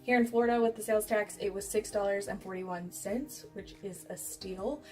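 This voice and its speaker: A woman's voice: medium pitch, normal speed, darkish tone. A young American woman chatting casually and candidly, telling stories with swearing and acted-out dialogue, giggly at times. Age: young adult. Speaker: beauty vlogger. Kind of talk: casual chat with storytelling. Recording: distant mic with music behind.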